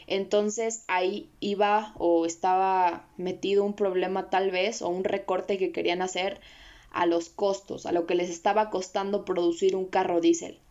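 A woman's voice: mid-range voice, a little mellow. Mexican woman chatting, slightly muffled. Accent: Mexican Spanish. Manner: rambling, many fillers and restarts. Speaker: podcast co-host. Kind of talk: casual discussion.

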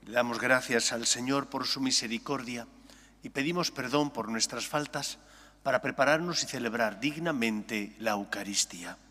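A priest's voice rings out under a long cathedral echo, the words drawn out slowly and evenly. His tone is bright and forceful, at an ordinary man's pitch. He recites the prayers in the measured cadence of the liturgy. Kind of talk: celebrating Mass. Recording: long echoing church reverb.

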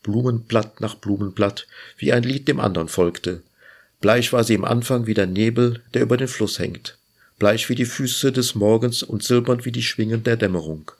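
Man reading a fairy tale on his lit show, husky gravelly voice, slow lyrical. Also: mid-range voice. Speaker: host reading literature. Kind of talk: storybook reading.

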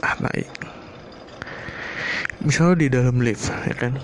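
A man's voice: mid-range voice, takes it slowly, slight background noise. A man, talking in a loose solo monologue at home, rambling and swearing casually. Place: home room, not a studio.

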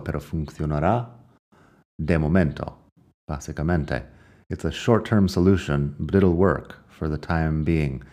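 A man's voice: extremely low pitch, a little mellow. A man from the United States teaching English phrases in a lesson, explaining patiently and reading each example twice with an American accent. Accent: American English in his English examples. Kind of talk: language lesson narration.

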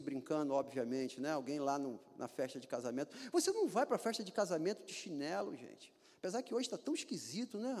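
Pastor guy preaching, high voice, jokey and folksy, long church echo. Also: warm tone. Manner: folksy, joking, rising emphatic delivery. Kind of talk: sermon. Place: church hall.

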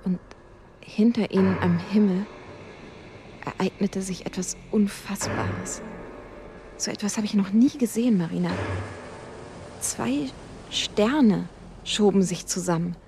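A woman narrating a suspense story in a slow, hushed, dramatic reading. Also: medium pitch, music in the background.

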